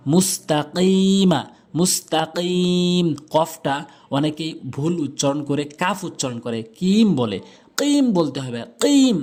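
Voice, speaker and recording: A man teaching Quran recitation, spelling out Arabic letters syllable by syllable and reciting verses in a drawn-out chant. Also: a little high. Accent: Bangladeshi Bengali. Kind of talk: tajweed lesson with chanted recitation.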